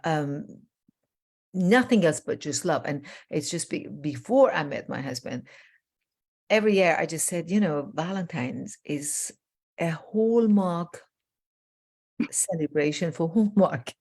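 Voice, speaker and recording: An older woman from Iran with a low voice and a gravelly edge to it. She hosts a coaching interview in a warm, effusive way, rambling through plenty of fillers. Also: lively intonation, measured pace. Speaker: host, transformational coach. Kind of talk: casual interview chat.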